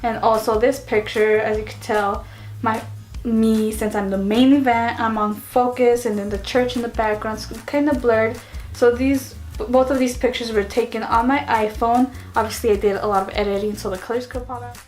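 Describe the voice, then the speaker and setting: A woman's voice: fairly high pitch, steady tone, moderate pace, a little mellow. A woman in her twenties chatting casually to camera as a lifestyle vlogger, giggly and self-mocking. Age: 20s.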